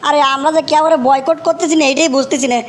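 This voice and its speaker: Lightly acted and very fast, a high voice with fairly even intonation brings to life a young village nephew in a comic cartoon, exasperated, whining and repeating complaints in rustic dialect. Slight background noise is audible.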